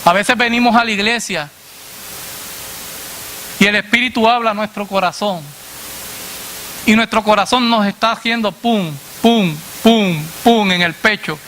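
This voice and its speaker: A man preacher delivering a sermon to a congregation, asking "what?" and answering himself in a lower voice, addressing listeners as brother. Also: fairly even intonation, moderate pace, pauses often, pushed and bright, slight background noise. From Latin America. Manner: call-and-response questions, dropping low on the answer.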